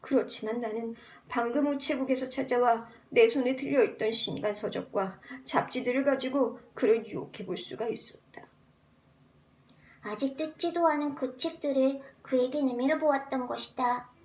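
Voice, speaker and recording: Very high-pitched woman reading literary fiction. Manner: theatrical, deliberately altered voice. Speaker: amateur audiobook reader practicing voice changes. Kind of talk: expressive literary narration, voice-acting practice.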